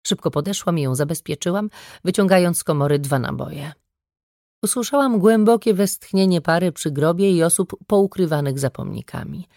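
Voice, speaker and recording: A woman reading a first-person audiobook story with brisk, wry storytelling. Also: fairly low pitch, lively intonation, mellow, dry recording, clean studio sound. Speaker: audiobook narrator. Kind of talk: scripted first-person narration.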